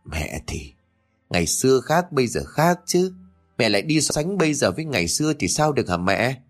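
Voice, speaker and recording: A man's voice: medium pitch, very animated, moderate pace, faint music behind. A man voicing a weary young mother who pleads and reasons, in an audio story. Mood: pleading.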